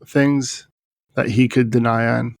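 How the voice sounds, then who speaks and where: Gravelly-voiced host guy, dry sarcastic quips, no room sound at all. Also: mid-range voice, level tone, slow pace, dry recording. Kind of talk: casual podcast chat.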